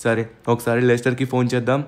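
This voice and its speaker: A man narrating his own game story with excitement, loudly exclaiming and hurling dramatic threats at his foes. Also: mid-range voice, fast talker. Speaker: gaming channel narrator and player.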